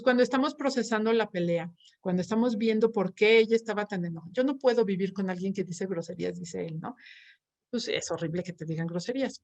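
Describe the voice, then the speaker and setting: Mexican woman giving a conference talk. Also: medium pitch. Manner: warm storytelling with frequent restarts and tag questions. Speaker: conference speaker, therapist.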